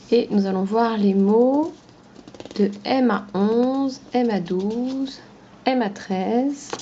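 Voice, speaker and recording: A woman's voice: fairly high pitch, warm tone, a little hiss or hum. A woman schoolteacher giving a phonology lesson to young children, carefully sounding out each syllable. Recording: dull lo-fi recording.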